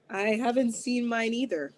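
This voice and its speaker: At a table read, a woman with a slightly high voice plays a scheming teenage girl begging her friend for a favor.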